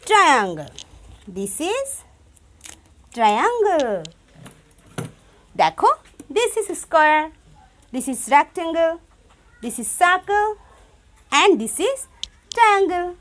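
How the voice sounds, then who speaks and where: A woman with a Bangladeshi accent teaching young children English shapes, repeating words slowly and switching between Bengali and English. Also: high-pitched, big pitch swings. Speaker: primary school English teacher. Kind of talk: classroom lesson to young children.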